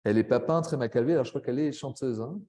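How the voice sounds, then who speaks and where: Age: adult. Sex: man. Role: teacher trainer. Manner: chatty, peppers speech with tags, mid pitch. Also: mellow. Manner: chatty, frequent "hein" tags, quick asides. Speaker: French language teacher trainer. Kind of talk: webinar presentation.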